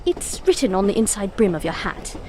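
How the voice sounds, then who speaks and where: An actress playing a playful, self-assured, eccentric time-traveller in an audio drama, breezy and theatrical. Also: female voice, mid-range voice, big pitch swings, brisk, mellow, slight background noise, natural voice. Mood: cheeky.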